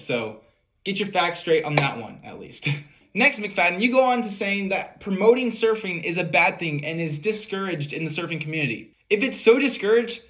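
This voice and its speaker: A man's voice: high-pitched, fairly bright tone. A man vlogging casually, rebutting in an incredulous way with rhetorical questions. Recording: background music.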